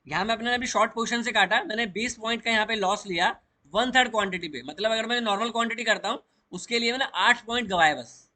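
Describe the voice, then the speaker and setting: Bright-voiced man teaching chart trading. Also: sits high, fast. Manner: explains step by step, mixing English trading terms into Hindi. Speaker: stock market trading educator. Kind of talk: chart walkthrough lesson.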